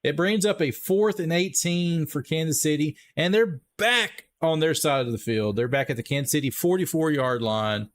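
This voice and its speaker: A man's voice: fairly high pitch, normal speed, hardly any pauses. A man with a Texas accent doing casual live play-by-play for a stream, chatty and upbeat, talking straight to his viewers. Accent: Texan. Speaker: livestream play-by-play host. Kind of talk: live play-by-play commentary with chat shout-outs.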